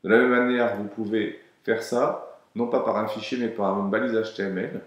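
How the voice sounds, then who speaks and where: A man with a fairly low voice talks through a software tutorial, calm and explanatory, pausing often to hesitate. The recording is very echoey, as if made in a bare, reverberant room. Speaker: web tutorial presenter.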